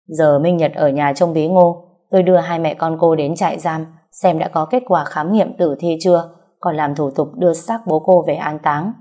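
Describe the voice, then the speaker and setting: A woman's voice: low voice, fairly even intonation, normal speed, mellow. A woman voicing a cold, commanding young man giving firm orders in an audiobook story. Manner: curt, cold.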